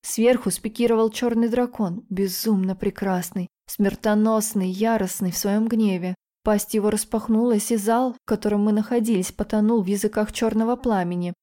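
A woman narrating a fantasy novel in the first person with steady, expressive reading. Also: mid-range voice, moderate pace, few pauses. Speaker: audiobook narrator.

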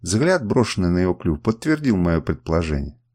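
A man reading a first-person audiobook in a dramatic, expressive way. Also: low-pitched, a little fast. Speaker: audiobook narrator.

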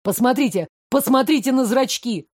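A breathless male aide, hoarse and urgent as he calls out warnings, as a woman reading the book puts him on. A dry, close recording with nothing around the voice. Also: on the high side, normal speed, a little mellow, dry recording, natural voice.

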